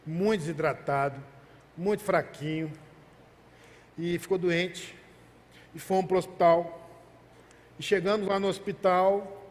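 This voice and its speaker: A male pastor preaching a sermon, telling a personal story earnestly and asking the congregation rhetorical questions. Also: high-pitched. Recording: long hall reverb.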